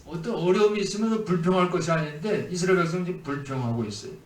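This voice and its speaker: A man's voice: high voice, fast, reverberant, far from the mic. A man preaching a sermon as pastor, asking the congregation questions as he teaches. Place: church sanctuary.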